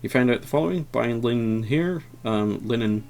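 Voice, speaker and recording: A man's voice: mid-range voice, lively intonation, normal speed, creaky, a little mellow, faint music behind. A man giving casual, rambling gameplay commentary, hesitant and full of fillers, with a wry, self-deprecating manner. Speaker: let's player.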